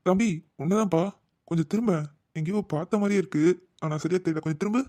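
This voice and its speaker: A man voicing a fussy, wary older father-in-law in a cartoon, questioning slowly and with puzzlement. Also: sits high, dark tone, no room sound, close to an everyday voice. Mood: puzzled.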